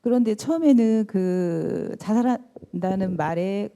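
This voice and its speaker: A woman in the audience asking a monk for advice, speaking hesitantly with pauses and fillers. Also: mid-range voice, creaky, mellow. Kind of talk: halting question from the audience.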